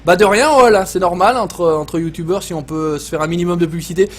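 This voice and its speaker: A man's voice: sits high, quick pace. A man with a Savoyard French accent hosting a casual live gaming stream, swearing often, joking and reading chat messages aloud.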